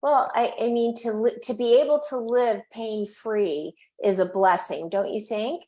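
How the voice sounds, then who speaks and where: A woman's voice: on the high side, measured pace, dark tone. A woman in her sixties or older hosting a conversational interview, asking wordy questions and affirming the answers. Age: 60s or older. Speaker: interviewer, host.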